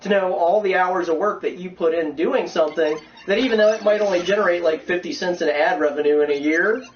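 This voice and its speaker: A man with a high voice co-hosts a casual podcast. His talk is informal and halting, with repeated words, and he sounds muffled and far from the microphone. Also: slight background noise. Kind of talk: casual chat. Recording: muffled, distant internet call.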